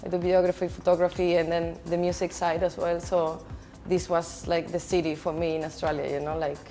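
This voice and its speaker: A Chilean woman raised in Spain, whose first language is Spanish, works as a DJ and event organizer. In an interview she gives relaxed, chatty answers packed with "like" and "you know." Her voice is lowish and fairly quick, with faint music in the background.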